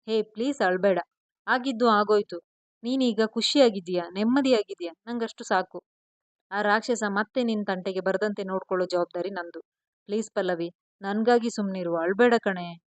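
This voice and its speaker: A woman's voice: medium pitch, fairly even intonation, fairly quick, no room sound, close to an everyday voice. Brief: soothing, devoted young man in an audio story, voiced by a woman in her own voice. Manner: soothing, pleading.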